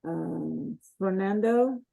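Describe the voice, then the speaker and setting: A woman's voice: medium pitch, very slow, creaky, dark tone. A woman teaching a college class online, calling roll and chatting in an informal, jokey way. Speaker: college instructor.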